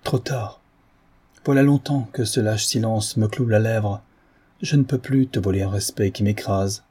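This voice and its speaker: A man's voice: fairly low pitch, fairly even intonation, unhurried, warm tone, slightly rough. A man reading aloud, voicing a guilt-ridden aging father who confesses to his daughter in an impassioned, declamatory way. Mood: despairing.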